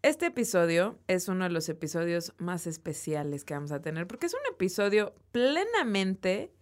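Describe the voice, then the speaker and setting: A woman's voice: fairly low pitch, very animated, moderate pace. Playful Mexican woman co-hosting. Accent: Mexican Spanish. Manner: playful, laughs often, teasing. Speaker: podcast co-host. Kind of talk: casual podcast chat.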